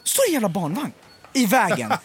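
A man's voice: high-pitched, husky. A man co-hosting a casual podcast chat, ranting with lots of swearing and acting out everyday annoyances. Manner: animated, swearing ranter acting out encounters. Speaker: podcast co-host.

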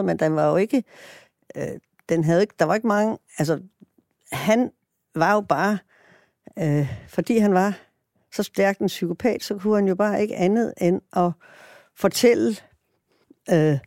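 A woman's voice: on the low side, warm tone, no echo, clean studio sound. A middle-aged woman prosecutor talking earnestly and reflectively in a documentary interview, often restarting her sentences.

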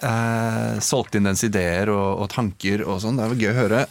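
Low, gravelly male podcast host. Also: steady tone. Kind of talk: casual chat.

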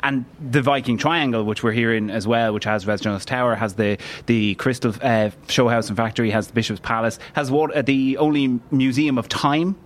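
A man's voice: medium pitch, steady tone, a little fast, hardly any pauses. A man in his late twenties with a southeast Irish accent, chatting casually and enthusiastically as an interview guest. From Waterford, Ireland. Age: late 20s. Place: hotel, on location.

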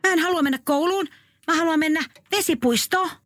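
A woman's voice: very high voice, fairly bright tone. A woman voicing a spoiled, demanding little girl in a comic radio story, whiny and stubborn.

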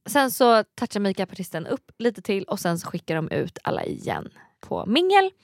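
A woman's voice: mid-range voice, wildly swooping pitch, creaky, no echo, studio quality. A woman co-hosting a casual chat podcast. She reacts with short exclamations and then tells her own stories. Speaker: podcast co-host.

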